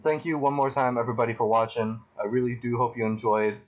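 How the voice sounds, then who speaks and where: A man's voice: medium pitch, fairly even intonation, fast, low-quality recording. A man streaming a video game live, talking casually to his viewers in a chatty, self-deprecating way and sounding tired. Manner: chatty and self-deprecating, says freaking a lot. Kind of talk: live gameplay stream commentary.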